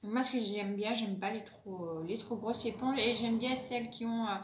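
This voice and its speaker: A woman's voice: fairly high pitch, steady tone, normal speed, slight background noise. A French-accented woman reviewing beauty products in a casual vlog, hesitant, with many fillers and self-corrections. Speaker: beauty vlogger. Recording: echoey room.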